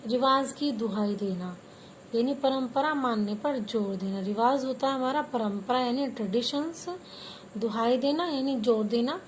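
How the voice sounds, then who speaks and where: A woman's voice: on the high side, measured pace, slight background noise, rough recording. A woman teaching a Hindi class to young children, patiently explaining word meanings and having them repeat words after her. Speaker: primary school teacher.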